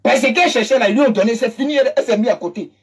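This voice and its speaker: Racing along at medium pitch with a breathy edge, a political commentator with an Ivorian French accent delivers a heated, scornful monologue. The speaker, from Côte d'Ivoire, repeats phrases for emphasis.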